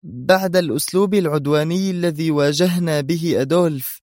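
A frightened young woman officer, her questions tight with worry, as a male narrator puts her on. The voice sits high and pleading. The recording is dry and close. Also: a little fast, a little mellow, dry recording, natural voice. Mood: worried.

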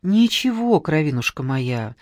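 A narrator voicing a tender, pious old nanny who soothes slowly with folksy endearments. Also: mid-range voice, very animated, no room sound, studio quality. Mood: soothing. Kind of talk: audiobook character reading.

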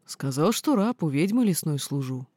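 A stern young archmage, blunt and earnest, speaks in a plain, matter-of-fact way, as a woman reads him. The voice is mellow and warm. The recording is dry and close. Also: sits low, sing-song, normal speed, no room sound. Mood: gruff.

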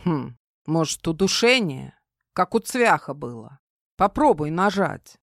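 Woman playing a young man, lowish voice, gruff, wry, protective, dry close sound. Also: big pitch swings, measured pace, no echo, heavily acted. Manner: grumbling, dryly teasing.

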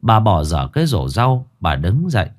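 A man narrating a ghost story in a dramatic, expressive reading. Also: fairly low pitch, normal speed.

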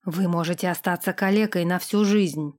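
A woman voicing a stubborn young man who answers quietly and gruffly in an audiobook. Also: normal speed, close to an everyday voice. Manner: low, restrained, gruff. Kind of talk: audiobook character voice.

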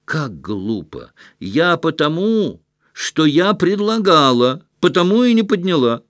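A high, exasperated matron scolds the room, as a man puts her on for a storybook reading. Her voice leaps about with lively swings. The recording is dry and close. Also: slow, dry recording, full character voice. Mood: angry. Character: indignant middle-aged woman chairing a meeting.

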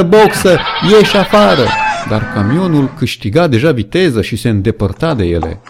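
A man narrating an audiobook with dramatic storytelling. His voice sits at an ordinary pitch but moves with lively, wide inflection. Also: noisy background. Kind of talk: scripted narration.

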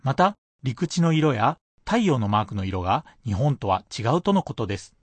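A man's voice: medium pitch, very animated, moderate pace. A man teaching a radio language lesson, patiently explaining pronunciation point by point.

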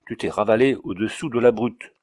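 A man's voice: on the low side, fairly quick, darkish tone, no echo, studio quality, natural voice. A man reading the part of an indignant, pompous male doctor who scolds sternly in an audiobook.

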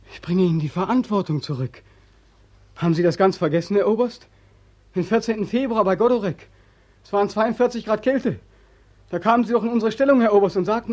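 An actor playing a bitter, sleepless young soldier back from war, in 1940s radio drama style, speaking intensely and accusingly with a husky voice. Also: male voice, high-pitched. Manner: intense, accusing, swings from hushed to loud. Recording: old radio drama recording.

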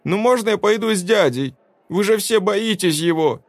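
A man's voice: sits high, expressive, moderate pace, no echo, pitched above the performer's own voice. A man doing a whining little boy. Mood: whiny pleading. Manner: whining, pleading. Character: eager pleading little boy, unwashed.

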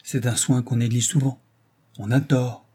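Brief: male narrator as a careful, fretful husband, husky, mellow. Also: mid-range voice, fairly even intonation, unhurried. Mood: confiding. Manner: earnest, confiding, fretful. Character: cautious, secretive middle-aged husband, an office clerk. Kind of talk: audiobook character reading.

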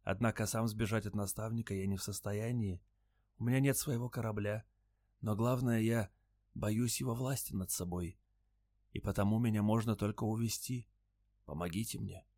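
A man voicing a timid robed alien creature who talks in a soft rustling whisper. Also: on the low side, fairly even intonation, moderate pace, no room sound, studio quality. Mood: fearful, hushed.

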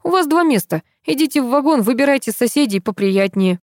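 A woman voicing a calm, smiling male train conductor who patiently explains a ticket mix-up in an audiobook story. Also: sits high, fairly quick, dry recording, clean studio sound, pitched above the performer's own voice.

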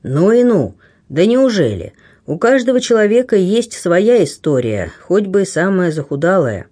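A man's voice: high voice, very animated, normal speed, dark tone. A man reading the part of a blunt, kindly aging buccaneer who grumbles and teases. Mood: gruff warmth. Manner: grumbling, teasing, plain-spoken.

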